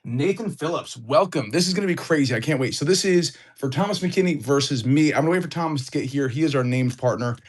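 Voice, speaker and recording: Greeting viewers on a live card-opening stream, this male host is excitable and hyped, though his voice sounds a bit off because he's recovering from illness. He talks quickly with a fairly high pitch and few pauses.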